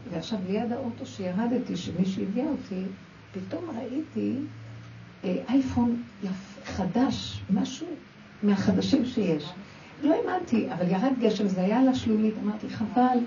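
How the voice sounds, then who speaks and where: A woman's voice: a little high, dark tone, a little hiss or hum. A woman teaching a spoken religious lesson, telling personal stories and acting out quoted dialogue as she talks straight to her listeners. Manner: storytelling, acts out quoted dialogue, addresses listeners directly. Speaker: religious women's class teacher. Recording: dull, roomy recording from a distance.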